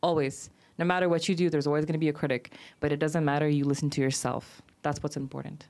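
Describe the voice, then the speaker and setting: A woman's voice: sits low, flat delivery, fast talker, a little mellow. A young woman speaking as an interview guest, upbeat and casual, with frequent "like" and "you know" fillers.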